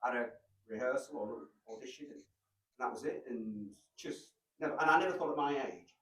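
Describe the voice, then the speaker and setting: A man in a band, telling stories as a quick, chatty storyteller. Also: medium pitch, fairly bright tone, recorded from a distance. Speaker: band member. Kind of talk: casual chat. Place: backstage green room. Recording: roomy, from off-mic.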